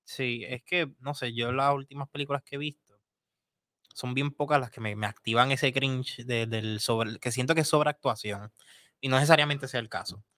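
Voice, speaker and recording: A man's voice: mid-range voice, fairly even intonation, moderate pace, sharp tone, no room sound, clean studio sound. A man with a Puerto Rican accent hosting a podcast, asking long, rambling questions in casual slang. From Puerto Rico. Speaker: podcast host. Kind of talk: casual interview.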